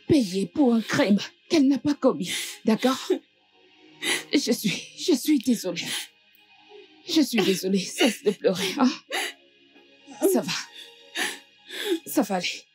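A woman dubbing a loyal friend into French, comforting someone who is crying. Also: fairly high pitch. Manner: comforting, repeating reassurances. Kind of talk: French film dub.

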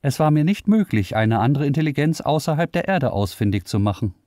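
A man's voice: a little high, big pitch swings, fairly quick, mellow, dry recording, pitched above the performer's own voice. Male narrator doing a lonely, boastful sci-fi AI, toneless, slightly raised, dry. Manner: toneless, matter-of-fact. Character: self-aware male AI computer, boastful and lonely.

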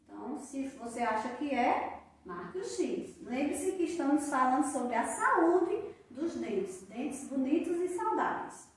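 High, slow Brazilian woman teacher. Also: lively intonation. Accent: Brazilian Portuguese. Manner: slow, patient sounding-out of syllables. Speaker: primary school teacher. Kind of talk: recorded literacy lesson for young children. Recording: very echoey room, voice from a distance.

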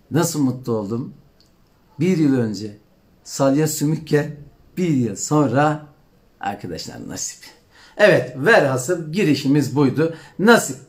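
A man's voice: medium pitch, a little mellow. A man talking on a live stream, coaching exam candidates with an earnest personal story, often calling his listeners friends and answering viewer comments.

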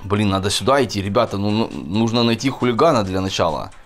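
Talking fast in a fairly low-pitched voice, this man hosts a gaming video for kids, keeping his commentary casual and chatty. He frequently addresses the audience directly while game music runs underneath.

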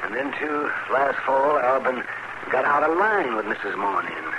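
An actor playing a crusty, opinionated frontier doctor who argues with bluster in a 1950s radio western. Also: male voice, medium pitch, expressive, normal speed, highs cut off, lightly acted. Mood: exasperated. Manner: blustery, argumentative. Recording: noisy 1950s radio recording.

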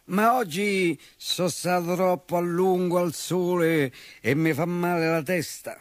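A man voicing a boastful, lazy and dim-witted bull in a storybook, bragging loudly in rhymes. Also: high-pitched, steady tone, takes it slowly, dry recording, studio quality, voice pushed up. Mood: excuse-making. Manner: loud bragging sing-song rhymes.

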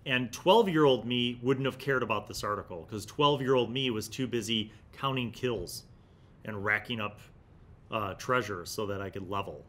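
A man in his forties hosts a gaming review series from an indoor studio at a desktop mic, reading articles aloud and adding emphatic, conversational commentary. His voice is mid-range, his pace moderate, his tone sharp.

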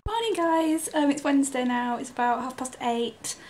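A woman's voice: a little high, little pitch movement, moderate pace, a little mellow. A woman in her twenties talking casually to her camera at home, rambling and giggling. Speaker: vlogger. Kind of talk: casual vlog chat. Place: at home indoors. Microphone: handheld camera.

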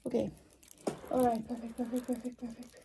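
A young woman doing fast, aggressive ASMR ASMR role-play, mostly soft-spoken with bursts of soft voice and repeating short words rapidly. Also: on the high side, level tone, gravelly. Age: young adult. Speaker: ASMR performer. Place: small indoor room with acoustic foam panels. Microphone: held or very close microphone. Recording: close noisy mic with handling clicks.

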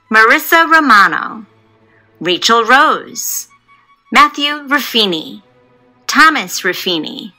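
A woman reads out names one at a time, slow and deliberate. Her voice is raised in pitch and very bright, with faint music playing under it. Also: rough recording. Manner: careful, deliberate name reading. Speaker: announcer reading inductee names. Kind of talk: slow list reading.

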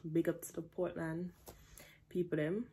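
A woman's voice: fairly low pitch, moderate pace, background noise. A woman in her twenties from Jamaica with a Jamaican accent, chatting playfully in a casual Q&A vlog from her bedroom, slipping into patois. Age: 20s. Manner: relaxed, playful, drifts into patois. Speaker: vlogger. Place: bedroom, indoors. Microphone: camera at close range.

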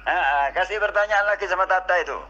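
Male moderator, bright voice, calms and urges on, dull lo-fi line. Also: high voice, fast talker. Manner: calming, urging participants on. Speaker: debate moderator. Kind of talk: moderating an online voice-chat debate. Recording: dull lo-fi line with faint noise.

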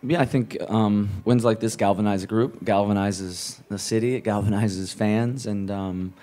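A man with a lowish, warm, relaxed voice fields questions as a head coach after a match. He talks in a measured way, restarting and repeating words while he thinks. His voice comes close on a table mic in an indoor press room. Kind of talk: post-match press conference answers. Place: press room with a sponsor backdrop. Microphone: table mic on a stand.

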